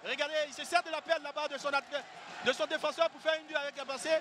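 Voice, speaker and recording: A man giving excited, emphatic sports commentary as a football analyst, repeating phrases as he explains the play. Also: very high voice, fast. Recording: noisy outdoor stadium broadcast. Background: loud outdoor stadium noise.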